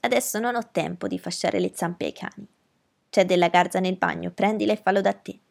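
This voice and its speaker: Woman doing a stern housekeeper, firm, loud, commanding, breathy voice, storybook reading. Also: fairly low pitch, fairly quick.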